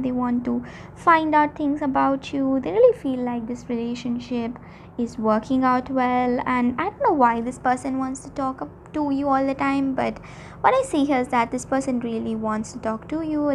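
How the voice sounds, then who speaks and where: High-pitched woman giving a mystical tarot reading. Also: a little hiss or hum. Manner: repetitive, hesitant phrasing, addressing listeners directly. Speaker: tarot reader. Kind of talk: mystical horoscope-style tarot reading, informal and unscripted.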